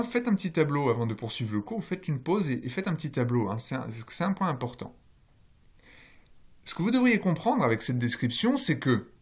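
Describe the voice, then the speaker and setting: A man's voice: medium pitch, husky. A man lecturing on linguistics in a recorded course, explaining step by step with frequent hesitations. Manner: explanatory, many fillers, rising emphasis on key terms.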